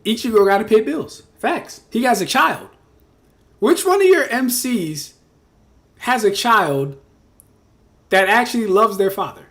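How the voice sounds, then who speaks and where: Man, young adult, high voice, streamer reading chat, teasing, animated, casual. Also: unhurried, long pauses. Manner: animated, teasing, repetitive riffs, laughs often.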